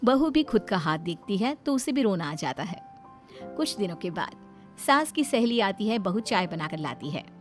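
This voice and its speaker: A woman narrating a cartoon moral story in a steady storytelling manner. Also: medium pitch, moderate pace, faint music behind.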